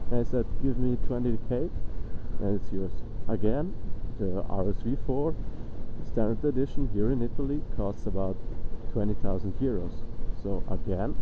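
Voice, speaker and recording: A young man casually vlogging from inside a motorcycle helmet while riding. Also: on the low side. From Europe. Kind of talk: casual motovlog monologue. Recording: noisy helmet mic, road and engine noise.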